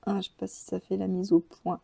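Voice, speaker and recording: Woman host, casual unboxing chat, mellow tone, eager and rambling. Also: medium pitch, level tone, brisk, creaky, breathy edge. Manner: chatty, enthusiastic, thinks aloud with many fillers. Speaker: crafting channel host.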